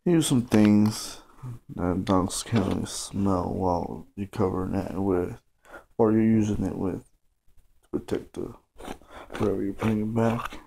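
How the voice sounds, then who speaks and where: A man talking to his phone camera at home in a rambling, mumbling casual monologue, halting with fillers. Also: on the low side, steady tone, vocal fry, noisy background. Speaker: vlogger. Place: at home indoors. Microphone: phone camera close up.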